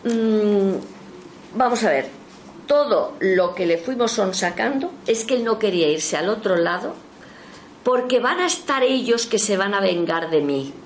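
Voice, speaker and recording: A woman telling a spiritualist story in a casual spoken anecdote, her voice leaping in pitch when she quotes others. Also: lively intonation, measured pace, a little hiss or hum. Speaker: storyteller recounting a spiritualist session.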